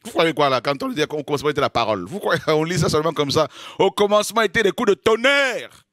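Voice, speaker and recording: A man preaching a lively sermon, exclaiming, making dramatic sound effects and laughing between points. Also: fairly high pitch, fast, no echo, clean studio sound. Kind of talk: animated sermon.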